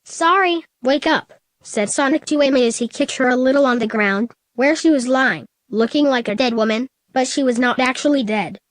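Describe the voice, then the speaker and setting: Woman reading fanfic out loud, steady plain read, kinda high, dry sound. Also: a little fast, hardly any pauses, no room sound. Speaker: fan fiction reader. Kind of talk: reading fan fiction aloud.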